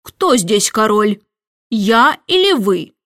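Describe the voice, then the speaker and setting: A woman voicing a muddled, boastful, childlike king who talks slowly and grandly. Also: medium pitch, big pitch swings, fairly bright tone, no echo, studio quality, full character voice. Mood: jubilant.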